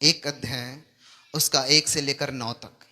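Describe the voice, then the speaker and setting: A man's voice: mid-range voice, fairly even intonation, takes it slowly, sharp tone. A man preaching a sermon, speaking emphatically and often asking the congregation whether they understand. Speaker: pastor.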